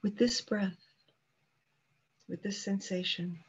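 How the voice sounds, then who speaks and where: Speaking in a husky, mid-range voice, a woman meditation teacher leads a calm, unhurried guided meditation. She pauses at length after each short phrase, and the audio is dull.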